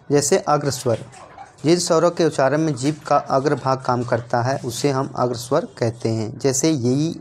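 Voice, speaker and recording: A man's voice: medium pitch, darkish tone, slight background noise. A man with a Jharkhand Hindi accent teaching an exam-prep grammar lesson, repeating points and asking and answering his own questions.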